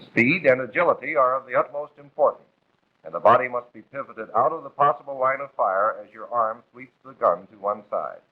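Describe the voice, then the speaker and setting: An American man narrates a 1940s instructional film from a script, sounding formal, authoritative and instructive. His medium-pitched voice moves fairly quickly, heard through a muffled, phone-like vintage film soundtrack.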